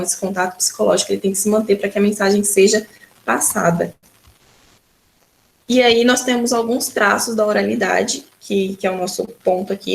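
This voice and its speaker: A woman teacher, Brazilian Portuguese accent, gives a recorded school lesson in a medium-pitched, creaky voice. She's patient in her explanations and tends to start sentences with "então."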